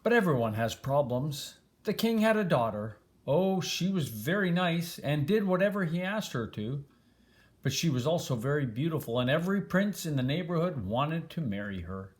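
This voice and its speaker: With a grandfatherly warmth, an older man reads aloud from a children's storybook, drawing out and emphasizing words expressively. His voice is on the high side and moves at a normal speed.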